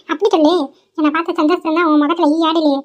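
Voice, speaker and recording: A woman's voice: very high-pitched, level tone, a little fast. A woman voicing a bossy, demanding grandmother in a dubbed cartoon, speaking in a scolding, teasing way. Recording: dull lo-fi recording.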